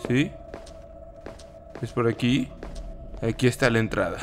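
A man's voice: mid-range voice, a little slow, faint music behind. A young man commentating a horror game as he plays, reacting with swearing and nervous laughs. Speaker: gaming YouTuber.

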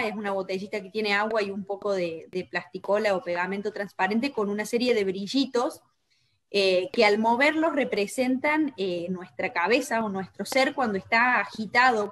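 A woman with a Chilean Spanish accent calmly explaining parenting techniques on a local talk show, with frequent hesitations. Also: mid-range voice. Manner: calm, explanatory, many hesitations. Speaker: co-host. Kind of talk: casual talk show conversation.

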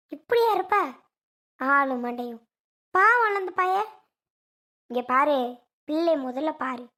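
Fussy naggy grandma a woman's playing, family skit, always complaining, high voice. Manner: nagging, complaining, lecturing. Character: fussy scolding grandmother, protective of baby.

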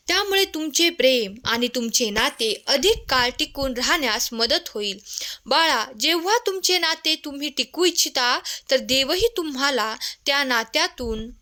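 A woman reads a devotional message aloud, speaking tenderly to the listener as if to a child. Her voice sits high and has a bright, forward edge.

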